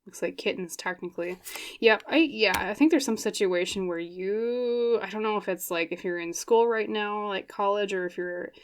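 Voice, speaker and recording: Talking through a tarot reading in a chatty, casual way, a young woman fills her thoughts with fillers and quick laughs. Her voice is medium-pitched with a clean tone, though it grows a little scratchy.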